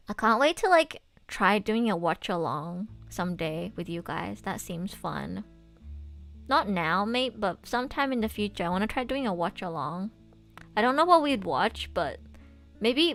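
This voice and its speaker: A young woman livestreamer talks in a chatty, bubbly way full of anime-fan slang, at an average pitch for a woman. She is recovering from oral surgery and has stitches in her mouth. Music plays behind her voice. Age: young adult. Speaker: livestreamer and voice actor. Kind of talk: casual livestream chat with viewers.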